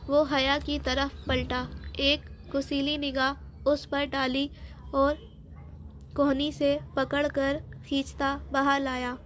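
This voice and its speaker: A woman narrating a novel as an audiobook in a steady, dramatic reading. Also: high voice.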